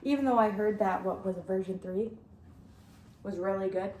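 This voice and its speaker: A woman's voice: medium pitch, normal speed, a little mellow, roomy sound, a little hiss or hum, poor audio. A young woman from the Upper Midwest chatting casually in a vlog, rambling and upbeat, chewing gum as she talks. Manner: chewing gum while talking. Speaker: running vlogger.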